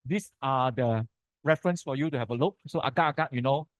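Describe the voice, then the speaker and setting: A Malaysian-accented man delivers an informal technical lecture to architects. He speaks briskly at medium pitch in punchy, colloquial phrases loaded with sentence-final particles, and there is no room sound.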